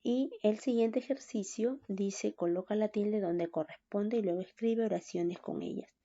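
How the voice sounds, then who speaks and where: A woman teaching a recorded online class, slow and patient, often checking in with "¿no?". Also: mid-range voice, mellow. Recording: dull lo-fi sound.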